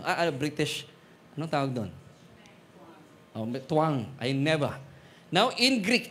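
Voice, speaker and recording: A man with a Filipino accent preaching a sermon, mixing Tagalog and English, joking with the congregation and slowing down on Bible verses. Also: on the high side, fairly bright tone, a little hiss or hum. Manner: switches between Tagalog and English, jokes with congregation; slows to stress Bible verses. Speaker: pastor. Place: church hall.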